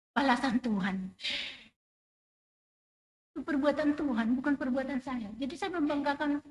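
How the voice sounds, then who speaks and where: A middle-aged woman gives a testimony to a church congregation. Her voice sits high and she speaks with strong emotion and emphasis, her loudness rising and falling. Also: poor audio. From Indonesia. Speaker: church member giving testimony. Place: church sanctuary.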